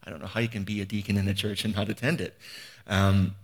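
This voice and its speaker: A man's voice: lowish voice, level tone, fast talker. A man in his fifties giving an earnest, conversational sermon, often restarting phrases and asking rhetorical questions. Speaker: preacher.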